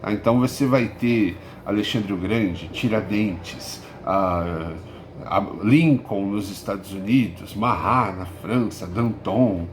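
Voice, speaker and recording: A man's voice: lowish voice, takes it slowly, a little hiss or hum. A man from Brazil teaching a history lesson in a casual, rambling way, with many fillers and restarts and emphatic peaks. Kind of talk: informal recorded lesson.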